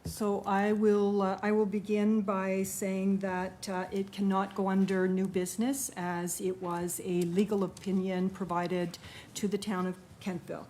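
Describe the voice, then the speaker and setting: A woman serving as mayor, chairing a town council meeting in a measured, procedural way. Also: medium pitch, flat delivery, warm tone, a little hiss or hum.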